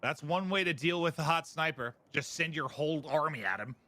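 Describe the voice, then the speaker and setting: A man casting esports with excited play-by-play, swinging between tense murmurs and drawn-out shouts. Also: a little high. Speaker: esports caster. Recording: noisy, game sounds behind.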